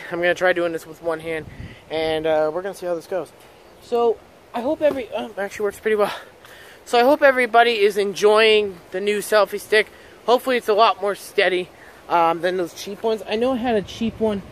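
A man's voice: sits high, fairly even intonation, brisk, fairly bright tone. A man in his twenties chatting casually and informally to his viewers as a vlogger, in a stop-and-go way while moving about. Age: 20s. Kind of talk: casual vlog chat to viewers. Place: mostly outdoors in a yard and driveway. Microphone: camera on selfie stick at arm's length. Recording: outdoor noise, handheld camera.

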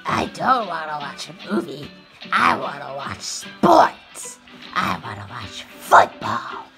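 A man's voice: fairly high pitch, huge pitch swings, slow pace, creaky, music in the background, full character voice. A man voicing a sullen, demanding little zombie alien toy in an amateur puppet show. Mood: sullen, hungry.

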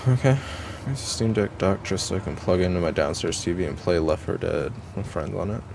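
A man with a deep, darkish voice and some vocal fry streams a video game at home, speaking fairly quickly over slight background noise. His gameplay chat is loose and rambling, scattered with "like" and "um."

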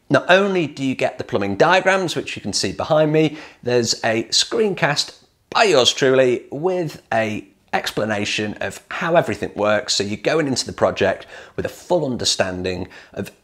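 Upbeat man pitching to camera. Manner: energetic, upbeat salesman pitch. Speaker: hot tub builder selling plans. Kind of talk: direct-to-camera promo talk.

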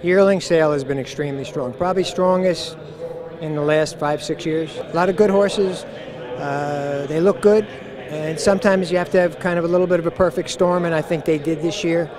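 A man with a fairly high voice gives a measured assessment with a few fillers. He is recorded at an outdoor event with a crowd murmuring behind him. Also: steady tone. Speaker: horse industry interviewee.

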